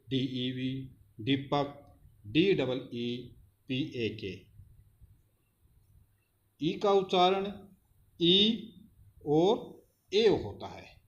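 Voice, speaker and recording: A man's voice: mid-range voice, lo-fi sound. A man teaching children phonics, spelling words letter by letter and then saying them, asking the class questions as he goes. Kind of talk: slow phonics lesson for children.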